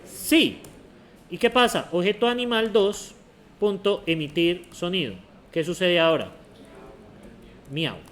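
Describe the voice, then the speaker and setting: A man's voice: sits high, a bit bright. A man teaches a university programming class. He explains step by step and keeps throwing short check questions at the students. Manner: asks the class many quick check questions. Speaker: university lecturer. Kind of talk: classroom lecture.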